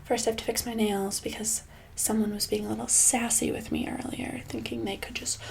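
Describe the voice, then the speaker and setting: A woman voices a smug, sinister boss who sweetly keeps an employee hostage in a soft-spoken ASMR roleplay, her fairly high, breathy voice level in tone and often slipping into a whisper. She sounds casual, condescending and falsely sweet, mock-sympathetic yet menacing, with hesitant pauses.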